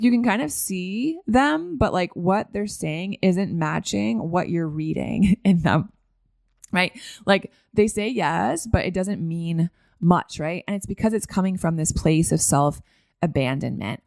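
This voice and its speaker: A woman hosting her own podcast in a relaxed, chatty way, with a lowish voice and a gravelly, fried edge. She keeps tagging her points with "right?" and sprinkles in "like". The sound is close and dry, with no room around it. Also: no room sound. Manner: conversational, tags many points with "right?"; frequent "like" fillers. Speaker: podcast host. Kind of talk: casual solo podcast talk.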